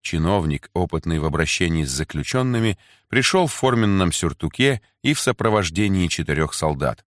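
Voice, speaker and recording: A man reading a classic story aloud in an expressive manner. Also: sits low, a little fast, few pauses, dry recording, studio quality.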